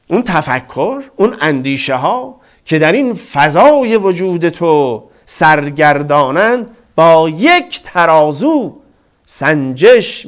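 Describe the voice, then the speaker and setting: A man preaching a religious sermon, asking rhetorical questions and quoting scripture with fervor. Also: a little high.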